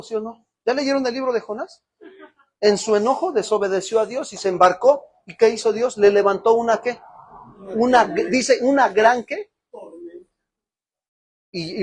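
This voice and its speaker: A man's voice: high-pitched, a little mellow, slightly rough. A man with a Mexican Spanish accent preaching a sermon as pastor, telling a personal story that rises to emotional peaks.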